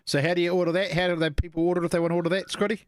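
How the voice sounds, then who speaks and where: Higher-voiced Kiwi man co-hosting casually. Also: level tone, very fast, clean tone, no echo. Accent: New Zealand. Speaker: co-host. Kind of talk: casual sports chat show.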